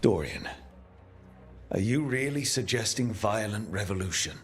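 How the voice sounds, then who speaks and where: Over background music, a man with a lowish, animated, unhurried voice plays a level-headed adventurer hero in a fantasy game. His dramatic performance comes across sincere and questioning.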